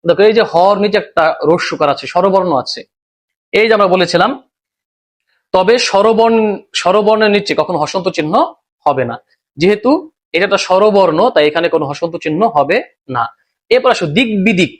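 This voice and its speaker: A man's voice: sits high, a little fast, long pauses. A male teacher with a Bangladeshi Bengali accent, explaining a lesson step by step and asking and answering his own questions. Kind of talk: recorded grammar lesson.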